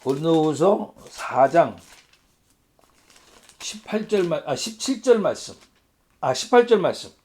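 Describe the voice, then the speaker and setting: A male pastor leads a church Bible study, reading passages aloud and turning to the congregation with questions. His voice sits high and rises and falls with a lively swing. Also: unhurried, pauses often. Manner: reads scripture aloud, asks the congregation rhetorical questions.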